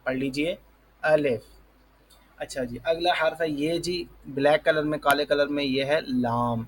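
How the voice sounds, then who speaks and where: A man with a Pakistani Urdu accent, a Quran teacher giving a patient recorded lesson, explaining slowly and repeating each term to check understanding. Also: a little high, steady tone, poor audio.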